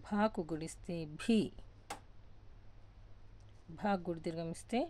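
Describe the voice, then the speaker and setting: Gravelly, mellow-voiced woman teaching. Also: fairly low pitch, fairly even intonation, slight background noise. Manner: slow, deliberate syllable-by-syllable recitation; repeats each sound patiently for learners. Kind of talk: step-by-step Telugu alphabet lesson.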